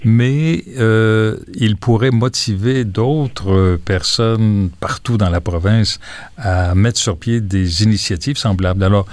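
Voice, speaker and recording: Low-voiced male interviewer. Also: slow pace, a little mellow, dry recording. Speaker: radio interviewer. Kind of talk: conversational interview questions.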